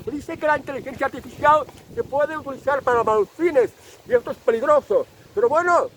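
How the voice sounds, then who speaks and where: Man, very high voice, insistent opinion monologue, repeats himself, filler pauses. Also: fairly bright tone, slight background noise, low-quality recording. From Spain. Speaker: channel host.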